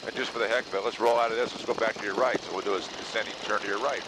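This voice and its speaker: Man instructing over very loud aircraft noise. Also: on the low side, steady tone, racing. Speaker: flight instructor. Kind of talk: casual in-flight instruction. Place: open cockpit biplane in flight. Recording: very loud engine and wind noise. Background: aircraft engine roar.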